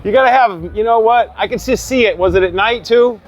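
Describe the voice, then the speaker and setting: A man's voice: high voice, brisk, highs cut off. A man with a Boston accent hosting a casual interview, asking questions in an eager, chatty way. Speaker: host.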